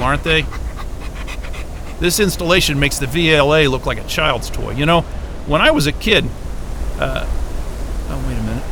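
A man with a slightly high voice performs an irritable, foul-mouthed astrophysicist at a polar station in a naturalistic audio drama, with a blunt, sarcastic, agitated manner. The mood is awed and relaxed, and background noise is audible.

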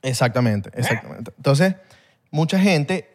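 A man hosting a podcast, explaining things in a loose, rambling way and peppering his speech with slang. His voice sits at an ordinary male pitch, relaxed and conversational. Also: unhurried. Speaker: podcast host. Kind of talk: casual chat.

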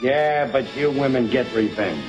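A slow, wisecracking sitcom husband, speaks with a lively sing-song swing. The sound is dull and lo-fi, like an old radio show. Music plays behind him. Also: male voice, mid-range voice.

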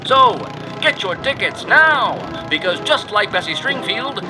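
An actor playing a showy carnival barker who pitches a stunt show in a booming, theatrical way, with music behind him. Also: male voice, very animated, unhurried. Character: showy carnival barker man, loud and grand. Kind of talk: audio drama acting.

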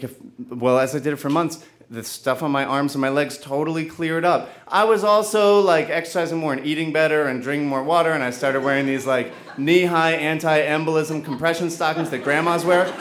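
A man telling a personal story live on stage, earnest and halting, with frequent restarts. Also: on the high side.

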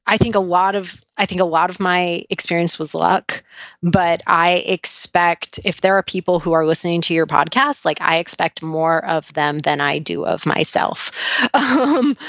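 A woman with a fairly low voice talks casually as a podcast guest. Her s sounds are a little slushy and slurred, and she is chatty and self-deprecating. The recording is dry and slightly dull. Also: a bit bright, no echo. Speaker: podcast guest, author and blogger. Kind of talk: casual interview chat.

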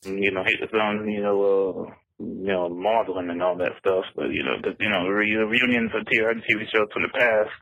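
A man leaving a halting voicemail for a podcast, full of fillers and restarts. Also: on the low side, fairly even intonation, pushed and bright, no room sound. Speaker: voicemail caller. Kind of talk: voicemail message. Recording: dull lo-fi voicemail.

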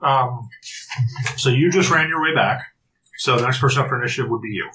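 A man running a tabletop game as game master, describing the scene with halting, filler-laden narration. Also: mid-range voice, bright, forceful tone, rough recording.

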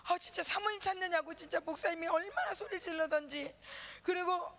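Woman, pastor's wife, children's sermon; gravelly, lively, acts out every voice. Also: extremely high pitch, a little fast.

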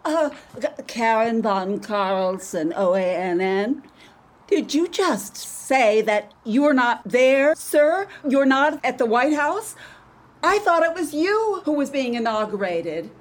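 A credulous, indignant female reporter, acted by a woman, pitched high and speaking slowly. The questions come out incredulous, with big swings in pitch, in a comedy press conference. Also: sing-song. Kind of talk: satirical press conference sketch.

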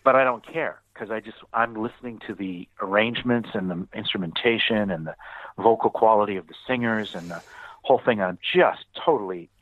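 Brisk and lowish-voiced, this podcast co-host talks loosely about music, restarting sentences and leaning on fillers. His dry recording has a tinny, phone-like quality.

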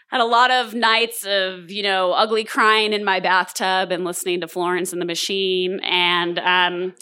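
A woman's voice: fairly low pitch, pushed and bright. A woman in her thirties from Southern California, telling a true story on stage in a candid, self-deprecating way with frequent fillers. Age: 30s. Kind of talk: live true-story monologue.

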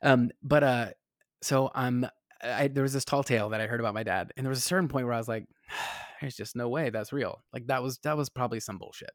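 A man's voice: mid-range voice, fast, no echo, clean studio sound. Rambling Southern-raised man telling stories. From American South. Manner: rambling with many fillers and restarts. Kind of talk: casual storytelling chat.

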